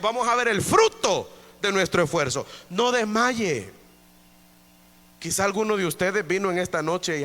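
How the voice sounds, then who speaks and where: A man preaching an evening church sermon in a high, bright, ringing voice. He drives his points home through emphatic repetition and keeps calling out to his brothers in the pews. The sound carries the long echo of a church hall. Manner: emphatic preaching with many repetitions, often addressing listeners as brother. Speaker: pastor. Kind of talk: evangelical sermon. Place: church during an evening service.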